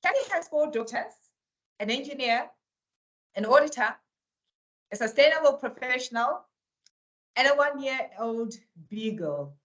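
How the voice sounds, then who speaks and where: A woman moderating a virtual roundtable, introducing guests with many pauses and fillers. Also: high voice, animated, lo-fi sound. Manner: warm, hesitant, with many fillers. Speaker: event moderator. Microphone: video call.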